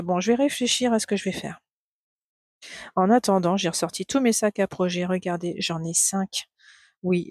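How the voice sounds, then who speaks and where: A middle-aged woman chatting in a casual knitting vlog, gushing and excitable, repeating words and laughing often. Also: mid-range voice, dry recording, studio quality. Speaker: knitting vlogger.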